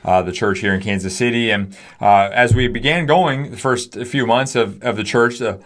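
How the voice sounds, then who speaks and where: A man's voice: medium pitch, moderate pace, a bit bright. A man in his forties, a pastor co-hosting a podcast, explaining things earnestly in a small studio. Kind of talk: casual podcast discussion. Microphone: studio mic on stand.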